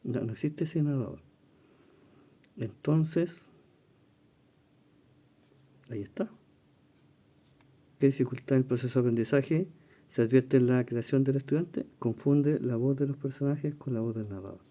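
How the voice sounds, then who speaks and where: A man's voice: medium pitch, a little slow, pauses often, dark tone. A man with a Chilean Spanish accent walking through exam questions in a recorded lesson, explaining step by step, thinking aloud with fillers and checking in with his listeners. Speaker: teacher reviewing exam questions.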